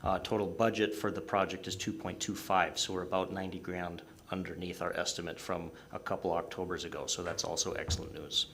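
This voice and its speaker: A man gives a report at a public meeting. His voice is fairly low, and he explains in measured, technical phrases. Faint room noise sits behind him. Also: flat delivery, fairly bright tone. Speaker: project staff presenter.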